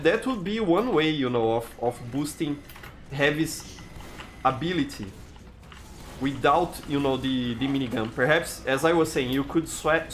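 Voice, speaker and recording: Speaking in a mid-range, fairly bright voice over a slight hiss or hum, this young man from Brazil has a Brazilian Portuguese accent. He's live-streaming a game and talking loosely with viewers, full of false starts and "you know".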